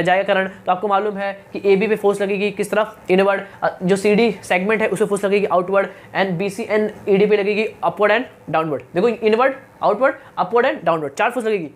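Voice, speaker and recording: A male teacher giving a science lecture, who keeps asking his students questions, answering them himself and checking that they follow. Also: high voice. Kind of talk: classroom-style science lecture.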